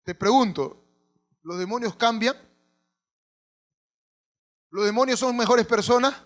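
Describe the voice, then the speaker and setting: A man's voice: very high voice, a bit bright. A male pastor, preaching a sermon and putting questions to the congregation.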